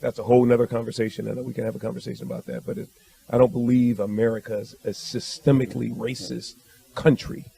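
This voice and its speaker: A man answering questions as a guest on a panel discussion. He speaks in a measured, thoughtful way, with frequent ums and uhs. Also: mid-range voice, flat delivery, vocal fry, warm tone, breathy edge. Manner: measured and thoughtful, with many fillers.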